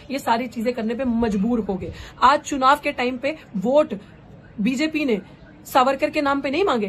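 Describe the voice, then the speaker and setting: A young woman activist speaks with fervent conviction in a fairly high voice, rousing her listeners as she argues her case. She drops English phrases into her talk, and a faint hiss of noise sits under her voice. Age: young adult. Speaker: political candidate and activist. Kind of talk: impassioned political speech.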